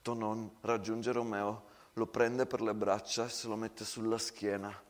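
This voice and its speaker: A male actor narrating a war story as a theatrical monologue, in a hushed, slow, grave voice. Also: on the low side, little pitch movement.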